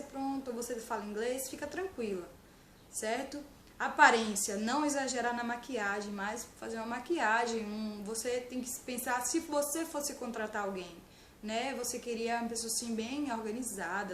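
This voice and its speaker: A young woman chatting casually about her job interview, fast and tripping over her words now and then. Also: on the high side, bright, forceful tone, echoey room, a little hiss or hum. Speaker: vlogger giving job interview tips. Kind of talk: casual chat.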